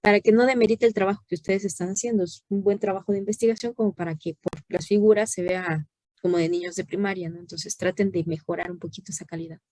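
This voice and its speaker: A woman's voice: mid-range voice, steady tone, quick pace, warm tone, no room sound. Lady teacher on a video call, patient and correcting, dry close sound. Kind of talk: online class review, giving feedback.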